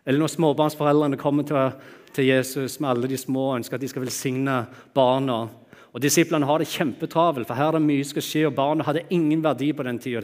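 A man preaching a sermon, moving between raised, emphatic lines and quiet, hushed ones. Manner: expressive, swings from loud exclamations to hushed low tones. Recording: long hall reverb.

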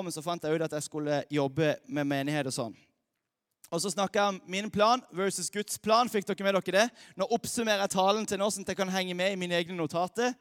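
A young man, a youth pastor, gives a lively, chatty sermon to young people, joking with the audience. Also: sits high. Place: church hall. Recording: dry close mic with long hall reverb.

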